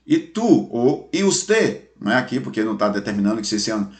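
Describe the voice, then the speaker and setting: A man teaching a recorded lesson, patient, checking in often and slowing down to repeat each example. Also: lowish voice, very animated. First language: Portuguese. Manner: patient, drawing out examples slowly, checking in with "beleza?". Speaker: Spanish teacher.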